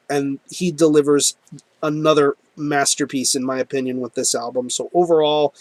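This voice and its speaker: A man's voice: mid-range voice, no echo. A man reviewing an album in a casual, enthusiastic monologue, full of ums and repeated words. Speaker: music reviewer.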